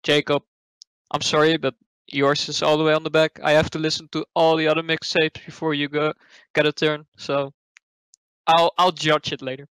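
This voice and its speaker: A man's voice: fairly high pitch, level tone, normal speed, a bit bright, clear, resonant tone, dry recording, rough recording. A man with a Dutch accent, a guest in casual online chat, hesitant with many fillers and restarts. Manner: hesitant, lots of fillers and restarts, laughs easily.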